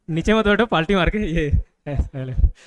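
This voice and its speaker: An Indian man teaches a grammar class in a classroom, his voice slightly high with no echo. He keeps firing quick questions at the students to make sure they're following along.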